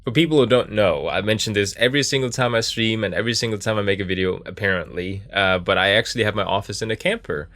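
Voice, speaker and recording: A man's voice: on the low side, fast, few pauses, fairly bright tone, dry recording. A man giving casual, joking game commentary, thinking aloud in a laid-back, rambling way as he streams. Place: small office in a camper.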